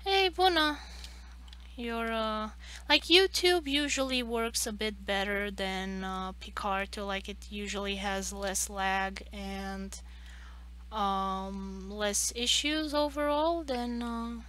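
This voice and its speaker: A woman's voice: medium pitch, fairly even intonation, takes it slowly, fairly bright tone. A woman in her late twenties chatting casually on a livestream, hesitant and rambling as she talks. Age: late 20s. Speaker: streamer and artist.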